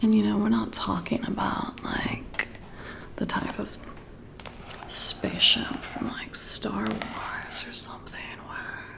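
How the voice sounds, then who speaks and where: Speaking in a hushed half-whisper, a female ASMR roleplay performer muses intimately, as if in a casual one-sided chat with the listener. Her mid-range voice moves little in pitch, drifts slowly and unhurriedly, and breaks into heavy creak.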